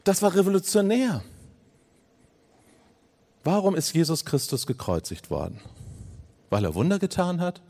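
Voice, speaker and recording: A man preaching a sermon, dropping to low hushed phrases and rising to emphatic ones, speaking to listeners directly as friends. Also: very animated, moderate pace, long pauses.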